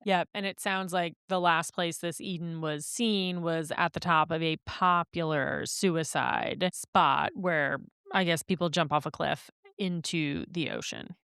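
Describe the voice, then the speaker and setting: A woman's voice: sits low, vocal fry, a bit bright, clear, resonant tone, no room sound, clean studio sound. A young woman co-hosting a book podcast, talking casually and often chiming in to agree. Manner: conversational, quick agreeing interjections. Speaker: podcast co-host.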